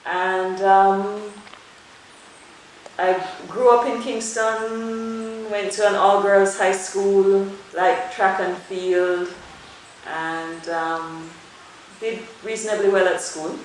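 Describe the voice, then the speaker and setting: A middle-aged woman from Jamaica, a dermatologist answering interview questions in a measured, thoughtful way with frequent fillers. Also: medium pitch, steady tone, slight background noise. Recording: very echoey room with faint ambience.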